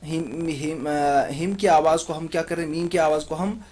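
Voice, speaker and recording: A man's voice: on the high side, steady tone, darkish tone. Patient man spelling out Quran recitation. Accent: Pakistani Urdu. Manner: patient, repeats each syllable slowly and asks the class questions. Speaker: Quran tajweed teacher. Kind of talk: spelling out letters and vowel marks in a recorded lesson.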